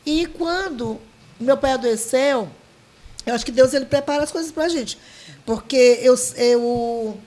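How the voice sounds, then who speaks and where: High-voiced woman. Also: unhurried, mellow. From Maranhão, Brazil. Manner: heartfelt, full of restarts and quoted dialogue. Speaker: guest, leader of a folk dance group. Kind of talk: emotional storytelling.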